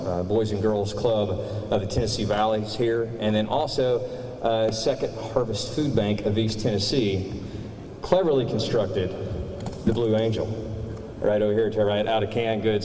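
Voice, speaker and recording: A man giving an informal, enthusiastic, halting welcome speech as a military commander. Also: on the low side, mellow. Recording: echoey hall, faint background noise.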